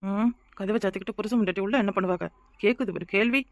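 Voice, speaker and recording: A woman voicing a sulky, sharp-tongued young village wife in a cartoon, with a Kanyakumari Tamil accent. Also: mid-range voice, fairly even intonation, quick pace, natural voice. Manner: sulky, retorting.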